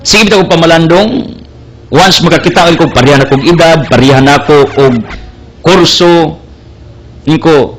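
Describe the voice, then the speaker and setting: A young man delivers a heartfelt sermon. He speaks slowly and deliberately in a fairly high voice, pressing each point with emphasis. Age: young adult. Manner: earnest, emphatic, mixing English into his preaching. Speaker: preacher.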